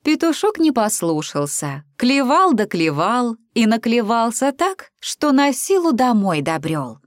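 A woman reading a children's fairy tale aloud in an expressive, sing-song way. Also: fairly high pitch, unhurried, no room sound, clean studio sound. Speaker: storyteller.

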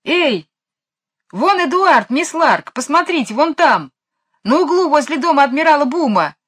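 A woman voicing an eager young boy in a storybook reading, calling out loudly. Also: high voice, very animated, a little slow, dry recording, studio quality, voice pushed up, exaggerated voice. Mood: excited. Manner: eager shouting.

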